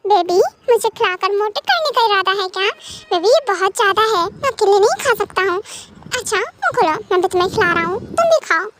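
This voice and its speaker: A woman voicing a gentle young husband who soothes his wife softly and indulgently, in a fan audio drama. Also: very high-pitched, animated, a little fast, very noisy. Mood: teasing.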